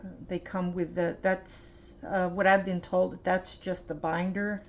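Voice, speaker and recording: Recorded at home in dull lo-fi audio with a faint hiss, a woman with a lowish voice and flat delivery demonstrates paint swatching for her art vlog. Her talk wanders and hesitates, padded with plenty of ums and uhs.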